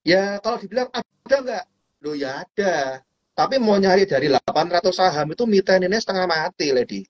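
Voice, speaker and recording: A man with a husky, slightly breathy voice talks through stock trading in a relaxed, chatty way. He is animated and playful, and he acts out small scenes with sound effects. The recording sounds dull and lo-fi. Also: high voice, brisk. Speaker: stock trading guest speaker. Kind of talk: casual explanatory chat.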